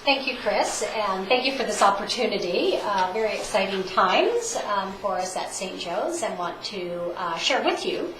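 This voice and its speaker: A woman's voice: mid-range voice, expressive, normal speed, hardly any pauses. A woman executive with a cold, her voice stuffy and congested, presenting plans to a town council with many ums and uhs. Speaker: hospital president and CEO. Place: council chamber. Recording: echoey chamber with room noise.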